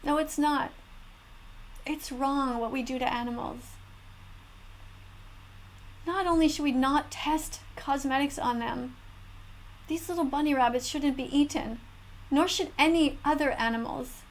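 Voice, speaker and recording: A woman with a high voice gives spoken reaction commentary. She is earnest and emphatic, speaking as a moralizing animal advocate. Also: measured pace, long pauses, poor audio. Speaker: video creator, animal rights advocate.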